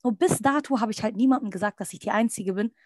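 A young adult woman, a podcast guest, tells a personal story in casual talk, acting out what others said in quick asides. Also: on the high side, no echo, clean studio sound. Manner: lively, quotes others in little acted asides.

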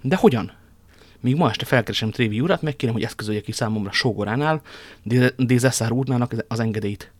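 A man's voice: medium pitch, dry recording, natural voice. A man reading aloud, giving an ardent, bold young swordsman his own emphatic voice. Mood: confident.

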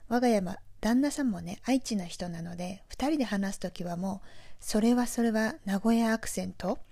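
A woman from Aichi with a Nagoya accent, hosting a podcast in a chatty, relaxed monologue with friendly asides. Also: medium pitch, moderate pace. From Aichi, Japan. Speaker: podcast host.

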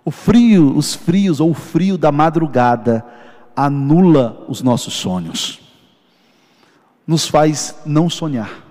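A man preaching in a big hall with a long echo trailing each phrase. His voice sits a little high for a man, and he slows down to repeat key lines with feeling as he tells his own story. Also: expressive, mellow. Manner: emotional personal testimony, slow emphatic repetitions. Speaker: pastor. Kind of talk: sermon.

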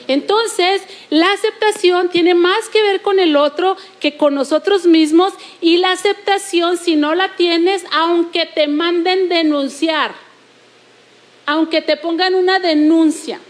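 High-voiced Mexican woman preaching emphatically. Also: steady tone. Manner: emphatic repetition, slowing to stress points. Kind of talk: sermon.

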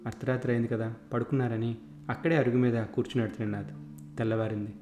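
A man narrating a story in a steady, plain way. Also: medium pitch, fast talker. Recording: echoey room with faint music.

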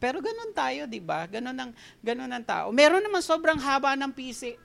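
A woman with a Filipino accent preaching a sermon. She mixes Tagalog and English and tells animated stories, often laughing at herself. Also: high voice, brisk, creaky.

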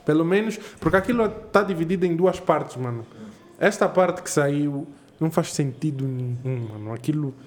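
A man's voice: fairly high pitch, normal speed, few pauses. A young man co-hosting a podcast, chatting casually and slangily with friends. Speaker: podcast co-host.

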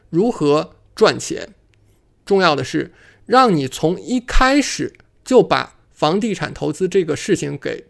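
A man presenting an instructional monologue as an investing coach, making his points emphatically and deliberately. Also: fairly high pitch, gravelly. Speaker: host and real estate investing coach.

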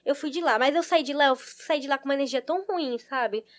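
A woman telling a long personal story in casual chat, animated and acting out the lines of the people in it. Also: high-pitched, fairly quick. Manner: animated, acts out quoted lines.

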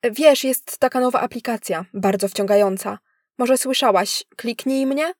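A woman's voice: a little high, a little slow, no room sound, studio quality. A woman voicing a talkative middle-aged father who is hooked on phone apps, speaking eagerly. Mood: chatty.

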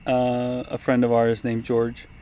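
A man with a mid-pitched voice co-hosts a casual podcast. He talks haltingly and rambles as he goes. Crickets and insects can be heard in the backyard where he is recorded. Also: monotone, warm tone. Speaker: podcast co-host. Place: backyard, outdoors.

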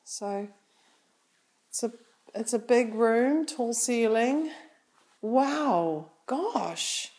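A woman's voice: fairly high pitch, expressive, extremely slow, long pauses, a little mellow. A woman with a New Zealand accent giving casual spoken commentary as she explores, often exclaiming in wonder. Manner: marvelling, exclamatory.

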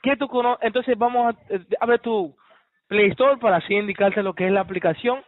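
A man's voice: high voice, moderate pace, no room sound. A man working as a phone sales advisor, insistent and placating, heard over a tinny phone line.

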